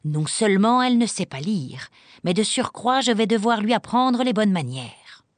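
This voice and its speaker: Lady reading aloud doing a stern shrill housekeeper, always scolding, dry close sound, swoops up high. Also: very animated, moderate pace, no room sound, natural voice. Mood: scornful. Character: strict, shrill housekeeper woman, easily outraged. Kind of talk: storybook reading.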